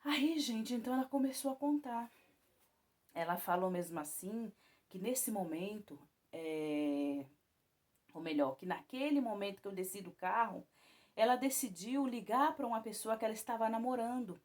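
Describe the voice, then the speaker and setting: A woman's voice: lively intonation, normal speed. Woman giving a rambling spoken testimony. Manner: rambling, many restarts and tag questions; voice rises high and loud when retelling alarm. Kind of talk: personal testimony told to viewers.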